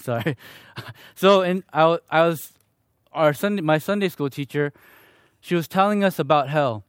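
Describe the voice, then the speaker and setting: A man's voice: a little high, smooth, no room sound, studio quality. A young man from Chicago giving his personal testimony to a church gathering in an earnest, conversational, self-deprecating way. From Chicago, Illinois, USA.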